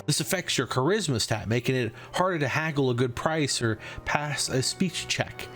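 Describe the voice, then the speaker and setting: A man's voice: mid-range voice, lively intonation, normal speed, over music. A man in his thirties narrating a scripted game video essay in a wry, opinionated, sardonic way.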